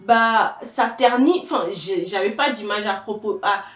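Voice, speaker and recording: A young woman from Togo telling a personal story to camera in a casual, halting way, with many fillers and restarts. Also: mid-range voice, a bit bright, recorded from a distance. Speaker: vlogger. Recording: echoey room, voice a bit off-mic.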